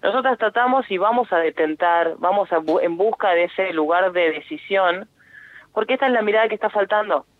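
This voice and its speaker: Woman on a tinny phone line. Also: medium pitch. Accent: Argentine Spanish. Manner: earnest, halting, with many fillers and restarts. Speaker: guest, activist coordinator. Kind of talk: phone interview on radio. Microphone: telephone.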